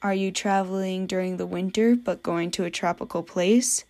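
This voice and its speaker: A woman's voice: lowish voice, fairly even intonation, normal speed, warm tone. A young woman from New England hosting a casual solo podcast, chatty and full of jokey asides. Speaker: podcast host.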